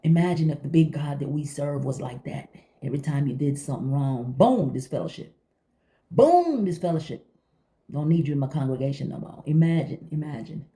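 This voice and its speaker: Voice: mid-range voice, fairly even intonation, quick pace, mellow. A vlogger in a casual, folksy chat to viewers, emphatic and repetitive, talking with a mouth full of food. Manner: conversational, folksy, emphatic repetition, addresses listener as baby.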